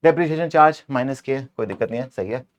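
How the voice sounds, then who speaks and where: A male teacher gives an exam-prep accounting lesson in a voice of middle pitch. He is playful and mock-scolds the answer options as if they were people, moving between Hindi and English. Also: fast, muffled recording.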